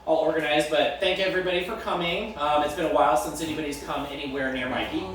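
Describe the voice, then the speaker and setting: A man's voice: a little high, fairly even intonation, fast talker, a bit bright. A man hosting a birthday roast at a house party, teasing the guest of honor and laughing through his jokes. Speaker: roast host. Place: house party room, indoors. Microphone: phone camera from across the room. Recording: echoey room from far off, noisy.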